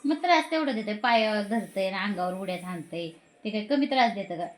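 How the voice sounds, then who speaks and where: A woman's voice: medium pitch, lively intonation, fast talker. An older woman grumbles at the family cat. Her complaints are scolding and often muttered half under her breath. It sounds like a casual home video.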